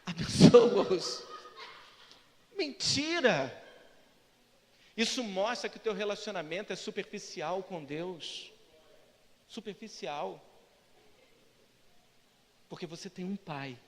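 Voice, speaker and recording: A Brazilian-accented male pastor preaches in a strikingly high voice, acting out prayers and little dialogues as he goes. He keeps turning to the congregation for answers. His voice rings out with the long reverb of a church hall. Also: measured pace, long pauses. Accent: Brazilian Portuguese. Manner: lively preacher who acts out prayers and dialogues; asks the congregation for responses. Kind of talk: sermon. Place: church sanctuary.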